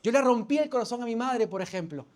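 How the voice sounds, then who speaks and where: A man's voice: extremely high pitch, animated, fast talker, darkish tone. A man, a pastor preaching a sermon. He tells a personal story, calls for amens and often restarts his phrases. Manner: storytelling, calls for amen, self-correcting restarts.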